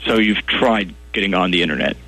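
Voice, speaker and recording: A man playing a gravelly, clueless tech support guy. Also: sits low, bright, forceful tone, no room sound, heavily acted, poor audio. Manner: slow, baffled, defensive, sighing. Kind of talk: comedy sketch acting.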